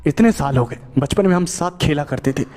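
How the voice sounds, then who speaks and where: A man's voice: fairly high pitch, animated, brisk, warm tone, lightly acted. A man voicing an eerie young village woman. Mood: coaxing. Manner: coaxing, insistent. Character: mysterious young woman, pleading, uncanny.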